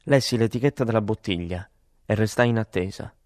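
Male audiobook narrator, low register, dry close read, plain matter-of-fact first-person storytelling. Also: a little fast, darkish tone, dry recording. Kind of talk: scripted literary narration.

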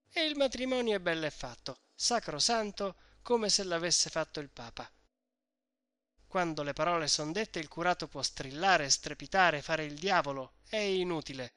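A man reading the part of a shrewd, talkative middle-aged mother who insists and explains things at length, in a bright voice recorded dry. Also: fairly high pitch, clear, resonant tone, no echo.

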